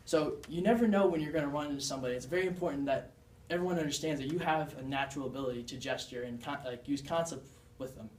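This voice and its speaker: A man's voice: fairly high pitch, fast, hardly any pauses, darkish tone, slight background noise. Young man giving a class talk from afar. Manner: earnest, demonstrating signs while explaining. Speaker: student presenter. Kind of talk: class presentation. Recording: echoey room, mic far off.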